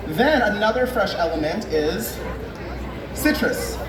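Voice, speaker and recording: A woman's voice: medium pitch, lively intonation, takes it slowly. Playful woman cook in echoey crowded hall. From Nashville, USA. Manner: playful, punny, instructive. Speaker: cooking host. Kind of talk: live cooking demonstration. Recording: echoey room with crowd noise.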